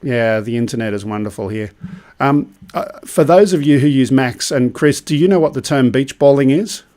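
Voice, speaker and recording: A man hosting a live stream, chatting casually, reading viewer comments aloud between relaxed ums. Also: medium pitch, moderate pace. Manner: relaxed, rambling with many ums.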